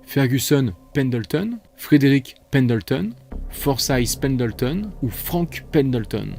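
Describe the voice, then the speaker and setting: A man's voice: medium pitch, animated, takes it slowly, vocal fry, dark tone, faint music behind. A man hosting a multiple-choice quiz, reading out questions and options with playful, chatty asides. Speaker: quiz host.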